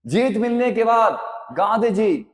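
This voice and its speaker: Guy teaching history to kids, high voice, keeps asking haan ya na, lots of room echo. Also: lively intonation, a little slow. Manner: mixes Hindi and English, calls students 'beta', keeps checking "haan ya na?". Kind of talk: classroom history lesson. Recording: long reverb, echoey room.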